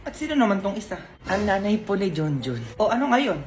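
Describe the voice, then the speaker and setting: A person acting out a comic family sketch, switching quickly between several characters. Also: mid-range voice, very animated, darkish tone. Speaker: comedy sketch creator playing all parts.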